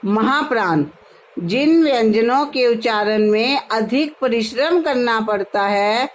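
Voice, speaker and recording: A woman's voice: fairly high pitch, expressive, poor audio. A woman teacher, patiently explaining a grammar lesson to her students. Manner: slow, patient, addresses students as "beta".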